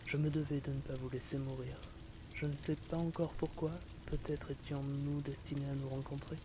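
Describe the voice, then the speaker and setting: Man voicing a calm hissing reptilian adventurer. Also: medium pitch, natural voice. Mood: calm, reassuring. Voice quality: soft hissing, sibilant voice. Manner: calm, courteous, unhurried storyteller. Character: calm friendly hooded reptilian adventurer, gently mocking. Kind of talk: fantasy audio story character acting.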